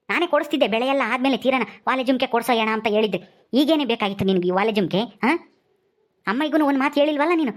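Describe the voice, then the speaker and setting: A woman's voice: high voice, voice pushed down, natural voice. A woman voicing a stern older brother from a village who scolds with nagging questions.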